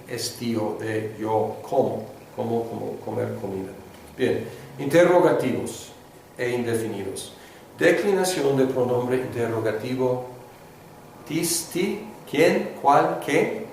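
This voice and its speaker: A man's voice: mid-range voice, darkish tone. A man teaching a class as the students repeat after him, hesitant, with many fillers and restarts. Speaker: Greek teacher. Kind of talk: classroom lecture with call-and-response. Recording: echoey room, distant mic, faint hiss.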